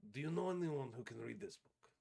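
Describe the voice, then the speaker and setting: A man's voice: medium pitch, animated, fairly quick, gravelly, a little mellow, slightly rough. A man voicing a terse half-giant male wizard who answers bluntly and guardedly. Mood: gruff.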